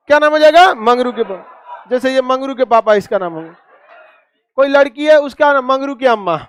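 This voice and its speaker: A man's voice: very high voice, smooth, no room sound. A man teaching a class, quizzing students with repeated questions and cracking jokes. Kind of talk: classroom lecture with call-and-response.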